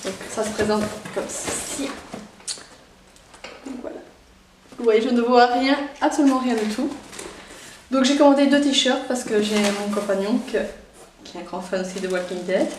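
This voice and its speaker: A young Belgian woman with a Belgian French accent, chatting excitedly through a casual unboxing vlog. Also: a little high, moderate pace, pauses often, distant mic, noisy background. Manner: chatty and excitable, many fillers. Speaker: YouTuber. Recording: echoey room, voice somewhat off-mic.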